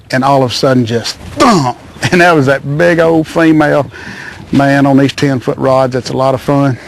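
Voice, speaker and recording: Speaking at medium pitch with slight background noise, a middle-aged fishing show host commentates excitedly from a small boat on a lake. He hollers and coos at each fish he reels in.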